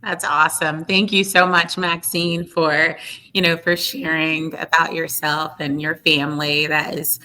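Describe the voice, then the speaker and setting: A woman hosts a podcast interview with a bright, crisp tone set a bit low. She sounds upbeat and enthusiastic as she welcomes her guest and asks questions. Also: flat delivery, a little slow, a little hiss or hum. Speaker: podcast host.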